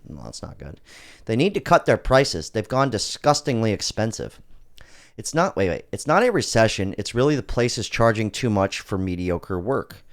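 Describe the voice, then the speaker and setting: A man hosting a casual podcast, reacting to clips with loud, laughing, profane banter. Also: medium pitch. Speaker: podcast host.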